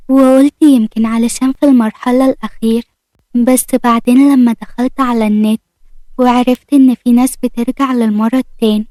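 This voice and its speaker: A woman's voice: a little high, warm tone, no echo, lightly acted. A woman voicing a worried Egyptian young woman. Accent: Egyptian Arabic. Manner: worried, confiding, pleading. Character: anxious young woman hiding her illness.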